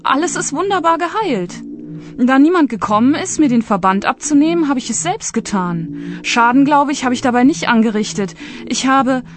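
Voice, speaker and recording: A woman's voice: high-pitched, animated, moderate pace, faint music behind, pitched above the performer's own voice. A woman reader voicing a polite, puzzled male patient who speaks up eagerly in a raised voice.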